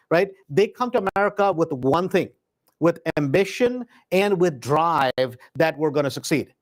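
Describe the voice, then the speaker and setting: A middle-aged man who grew up in India, hosting a live real estate investing webinar in a stop-start way, with many "uh"s and emphatic repeated words. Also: fairly high pitch. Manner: filler-heavy, stop-start delivery with many "uh"s.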